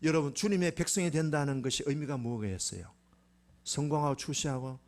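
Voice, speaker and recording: A man's voice: fairly high pitch, darkish tone. A male pastor preaching a sermon in a church sanctuary, emphatic and full of rhetorical questions to his congregation.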